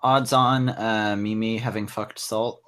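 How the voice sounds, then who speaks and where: A man's voice: fairly low pitch, fairly even intonation, slow, a bit bright. A man chatting casually on an internet group call. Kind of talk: casual chat.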